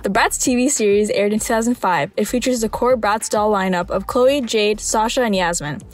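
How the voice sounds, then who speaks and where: A woman reads scripted commentary as a video essay narrator. Her voice sits at a medium pitch, her humour is dry and wry, and faint music plays behind her. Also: moderate pace.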